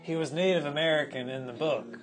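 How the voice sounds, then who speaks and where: A man's voice: a little high, a little fast. Male comedy podcaster, giggling delivery, faint guitar bed underneath. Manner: crude, giggly, often laughing at own jokes. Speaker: podcast co-host. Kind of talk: comedic podcast banter, reading a parody synopsis.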